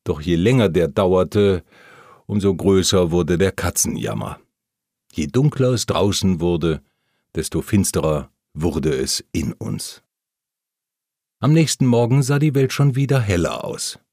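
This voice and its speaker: A man reading a first-person memoir aloud, telling the story calmly and plainly while voicing the quoted lines. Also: low voice, unhurried, no echo, studio quality. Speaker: audiobook narrator.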